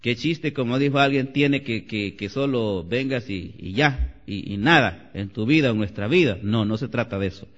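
A man preaching a Sunday sermon as pastor, animated and climbing to loud exclamations. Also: medium pitch, moderate pace. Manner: animated preaching, rising to shouts. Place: church sanctuary. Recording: lo-fi church recording with long reverb.

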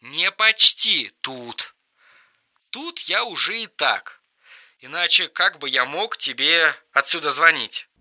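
A man voicing an erratic, mocking young man on the phone in an audiobook reading, shrill and teasing. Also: full character voice. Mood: calm. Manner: shrill, teasing, quick swings to flat calm.

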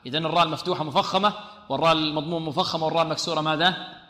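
Bright, fairly high-voiced man teaching recitation; quizzes students, drills sounds slowly; echoey, reverberant room. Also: fairly even intonation. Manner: asks questions and answers them himself, models pronunciation slowly. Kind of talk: tajweed lesson on radio.

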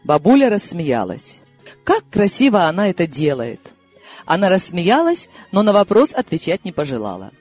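Lively high-voiced male audiobook narrator. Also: normal speed, faint music behind. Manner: lively, ironic storytelling. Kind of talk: first-person audiobook narration.

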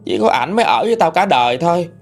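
A man's voice: on the high side, sing-song, fast, faint music behind, pitched above the performer's own voice. A man voicing a devoted, submissive young woman who pleads and clings to her boyfriend. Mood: defiant.

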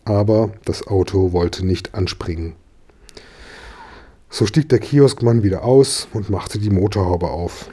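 A man reading a children's story aloud in calm, even storytelling. His voice sits low and sounds very dark and mellow. A husky grain runs through it. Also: a little slow. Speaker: narrator.

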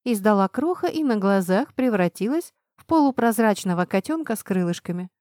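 A woman reads an audiobook in a lively, acted way, with mid-pitched, even tone. The sound is dry and close, with no room around it. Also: brisk, dry recording. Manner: expressive, acted reading. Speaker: narrator. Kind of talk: audiobook narration.

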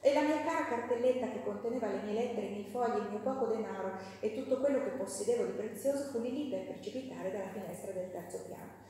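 A teacher leads a live women's class, speaking fast in a dark-toned, mid-range voice with barely a pause. She talks casually, using fillers and correcting herself, and reads passages from a novel aloud. The recording comes from an echoey hall, with her voice sounding distant.

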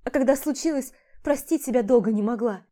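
A guilt-ridden young woman pleads and sobs in a raised, warm-toned voice, played by a woman reading an audiobook. Her speech comes out overwrought and tearful, pitched well above the narrator's own tone. It is an audiobook character voice. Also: unhurried. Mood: tearful confession.

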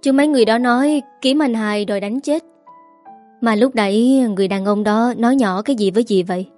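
A woman voicing a sharp, prying young woman of twenty. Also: on the high side, soft background music, natural voice. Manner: quick, prying.

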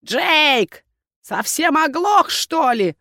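A woman doing a shrill, mocking toothless old crone. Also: big pitch swings, very slow, pushed and bright, no room sound, studio quality, heavily acted. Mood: barking. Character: thin toothless old crone, gruff and nosy. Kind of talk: audiobook reading.

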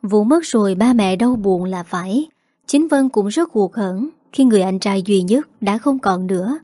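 A woman's voice: mid-range voice, animated, normal speed, warm tone, no echo, studio quality. Woman narrating a family drama story.

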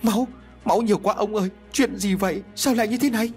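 A frightened village wife in a spoken ghost story, anxious and pleading, as the male narrator puts her on. Her voice jumps high and tight whenever she cries out in alarm. The pace rushes ahead as the panic builds. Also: very animated, faint music behind. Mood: panicked.

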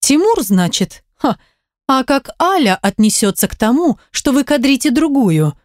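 A woman's voice: sits high, very animated, normal speed, no room sound, clean studio sound, pitched above the performer's own voice. A woman reading a bold, scornful young woman in an audiobook, with a defiant edge.

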